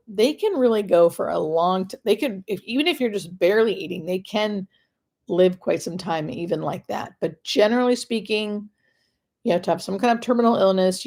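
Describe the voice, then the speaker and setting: A woman's voice: on the low side, a little mellow. An American woman working as a hospice nurse answers questions on a casual live stream, explaining things conversationally with stop-and-start phrasing and emphatic repetition.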